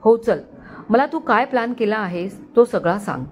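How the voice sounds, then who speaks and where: A woman's voice: fairly high pitch, expressive, normal speed, darkish tone, husky. A woman voicing a cautious, commanding male detective officer in a read-aloud mystery story. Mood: confident.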